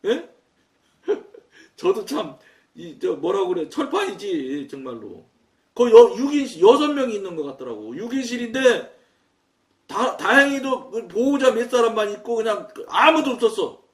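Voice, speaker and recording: A man preaching a sermon, telling a story in an animated, loud way and acting out his own quoted words. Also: high voice, normal speed. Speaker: pastor. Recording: echoey room, mic at a distance.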